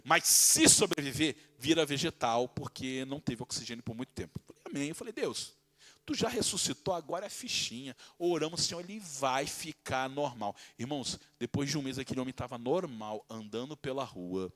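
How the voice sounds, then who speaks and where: A male pastor telling a dramatic testimony in a sermon, swinging from loud exclaiming to hushed, slow speech. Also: medium pitch, lively intonation.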